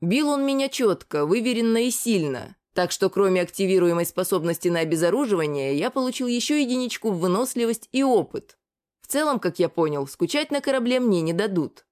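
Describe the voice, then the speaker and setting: A woman reading an audiobook in a measured, even storytelling manner. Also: medium pitch. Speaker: audiobook narrator. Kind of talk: scripted narration.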